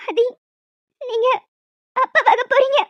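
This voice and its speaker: A woman voicing an emotional young wife in a cartoon story, high and childlike, breaking into sobs. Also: a little fast, darkish tone. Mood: tearful joy. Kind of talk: cartoon voice acting. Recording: dull lo-fi audio with faint music.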